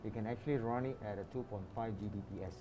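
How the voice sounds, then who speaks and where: A product specialist explaining network switch features in a halting, technical way, often repeating himself. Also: mid-range voice.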